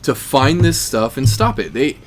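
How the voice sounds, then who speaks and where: A man's voice: medium pitch, animated, normal speed, over a noisy crowd. Casting: male co-host, mid-range voice, emphatic and outraged-sounding delivery. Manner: emphatic, mock-indignant. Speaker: podcast co-host. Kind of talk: satirical podcast chat.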